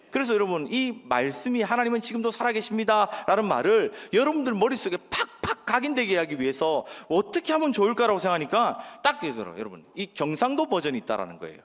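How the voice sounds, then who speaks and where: A man's voice: high voice, a bit bright. A male pastor from the region, preaching a sermon and leading call-and-response with the congregation. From Gyeongsang region, Korea. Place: church sanctuary. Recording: church hall reverb.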